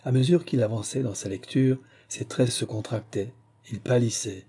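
Dark husky male narrator. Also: mid-range voice, moderate pace. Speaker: audiobook narrator. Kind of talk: scripted narration.

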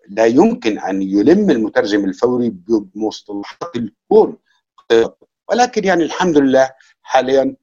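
A man with an Egyptian accent speaks about his work as an interpreter in an unhurried, reflective way, pausing on fillers. His voice is husky, and the recording sounds dull and lo-fi. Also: mid-range voice, a little mellow. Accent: Egyptian Arabic. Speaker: conference interpreter giving a talk. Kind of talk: lecture and casual Q&A.

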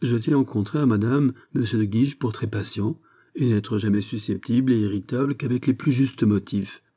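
A man's voice: mid-range voice, moderate pace, warm tone, natural voice. A man voicing an evasive young courtier. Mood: deferential. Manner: deferential, falsely innocent, polite. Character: evasive young male courtier, feigned naivety. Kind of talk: audiobook reading.

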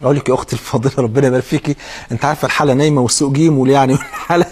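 A man's voice: mid-range voice, fairly even intonation, very fast, a little mellow, slightly rough. A man preaching a sermon with an Egyptian accent. He asks his listener questions directly.

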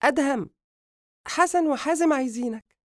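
A man voicing a brisk, matter-of-fact young woman with an Egyptian accent, who talks in a teasing way. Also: very high voice, dry recording, clean studio sound, voice pushed up.

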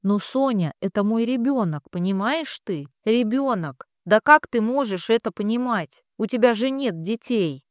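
A woman's voice: fairly high pitch, expressive, unhurried, few pauses, dry recording, studio quality, pitched above the performer's own voice. A woman voicing a frightened young mother who pleads and demands answers, her voice rising with fear. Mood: desperate.

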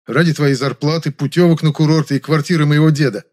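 A man's voice: fairly high pitch, fairly even intonation, quick pace, a little mellow, pitched above the performer's own voice, close to an everyday voice. Man doing a dry, sarcastic young hero. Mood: sardonic.

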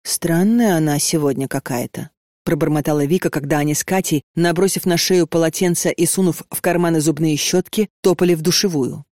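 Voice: mid-range voice, steady tone, a little fast, few pauses, a little mellow, no echo, clean studio sound. A narrator reading a tense story as an audiobook.

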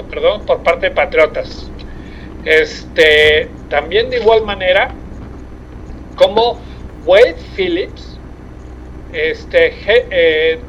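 Por una llamada de celular que se entrecorta y chisporrotea, un hombre con acento mexicano y voz aguda comenta deportes desde un auto en marcha. Va despacio, dudando y soltando muletillas a cada rato. El audio es de baja fidelidad y tiene un ruido suave de fondo.

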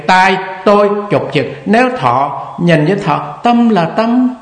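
An older man giving a conversational, repetitive dharma talk as meditation teacher. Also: high voice. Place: meditation hall. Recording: echoey hall recording.

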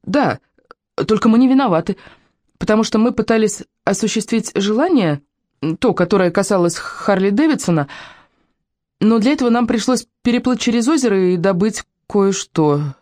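A reader voicing a frightened young girl who babbles fast and nervously. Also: a little mellow, no echo, clean studio sound, natural voice. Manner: high, rapid, nervous babbling.

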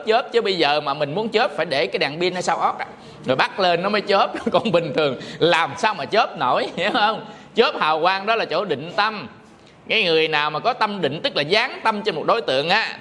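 A man's voice: high-pitched, pushed and bright. A man, a Buddhist monk giving an informal, joking dharma talk and chanting short phrases to show what he means.

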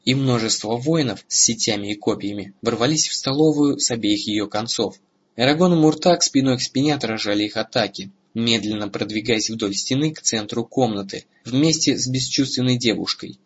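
A man narrating a fantasy audiobook in a steady, dramatic storytelling manner, with a husky voice. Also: mid-range voice, normal speed, muffled recording. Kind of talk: scripted narration.

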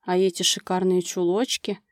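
A woman voicing a passionate, insistent male lover in an audiobook romance, speaking in a low, breathy, coaxing whisper. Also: little pitch movement, moderate pace, no room sound, clean studio sound, lightly acted.

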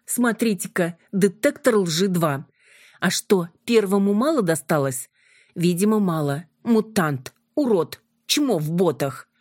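A woman reading an audiobook, voicing a furious young woman who shouts and curses at vampires with scorn. Her lines are read with a raised, heated delivery. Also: lowish voice, animated, a little slow, no echo, clean studio sound, pitched above the performer's own voice.

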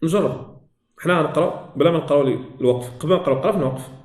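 High-voiced Moroccan teacher in an echoey room. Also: male voice, very fast, darkish tone. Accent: Moroccan Arabic. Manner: repeats key phrases, asks students questions. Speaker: Quran recitation teacher. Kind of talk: religious lesson explanation.

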